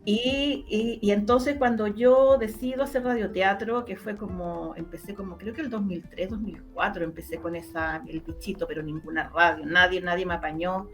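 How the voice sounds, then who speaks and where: With hardly any pauses, a woman speaks at normal speed in a medium pitch with fairly even intonation as faint music plays. She's a Chilean Spanish-accented radio drama producer appearing as an interview guest, recalling memories conversationally and repeating words for emphasis.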